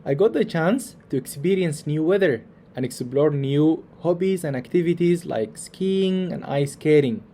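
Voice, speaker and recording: Mellow-voiced young man from Sudan. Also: on the high side, lively intonation, a little slow, few pauses, a little hiss or hum. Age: young adult. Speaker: surgical resident. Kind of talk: recorded testimonial.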